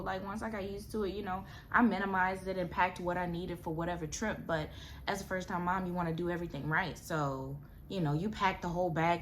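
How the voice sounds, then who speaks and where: A woman's voice: on the low side, a little hiss or hum. A young adult woman and new mother giving casual, reassuring advice to camera in a chatty, slangy way.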